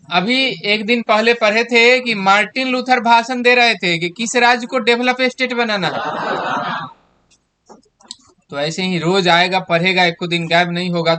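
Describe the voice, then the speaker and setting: With slight background noise behind him, a man in his 30s teaches by quizzing students and explaining exam answers step by step. He has a high-pitched, sharp-toned voice at a moderate pace.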